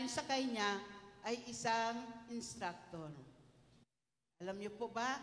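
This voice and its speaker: A woman's voice: on the high side, fairly bright tone. A woman from the Philippines preaching a sermon, telling a story with polite asides and frequent rhetorical questions to the congregation. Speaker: church speaker. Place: church hall. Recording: echoey church hall.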